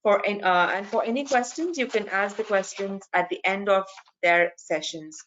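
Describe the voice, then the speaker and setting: Heard through a video call screen recording, a woman moderates an online conference, politely giving step-by-step instructions with frequent restarts. Her medium-pitched voice is a bit bright at a normal speed, and the lo-fi call audio sounds dull with slight background noise.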